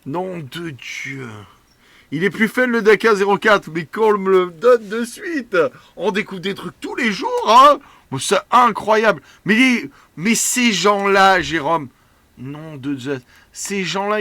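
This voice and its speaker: A man's voice: high voice, expressive, unhurried, pushed and bright, no echo. A man hosting a casual tech show, gushing and joking, with a mocking, childish way of repeating himself. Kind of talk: excited casual commentary.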